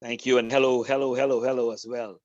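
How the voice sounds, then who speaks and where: A man's voice: medium pitch, flat delivery, no echo. A man welcoming guests to a club meeting over a video call, repeating his phrases and drawing them out. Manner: repetitive, drawn-out phrases. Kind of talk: warm welcome speech with a told joke. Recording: dull, muffled call audio.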